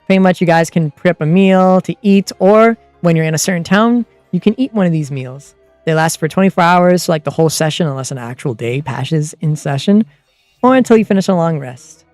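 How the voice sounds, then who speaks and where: Androgynous streamer, mid-pitched voice, chatty and rambling, casual game master explanations, music behind. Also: lively intonation, brisk, a little mellow, no room sound. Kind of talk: casual livestream chat, explaining tabletop game rules.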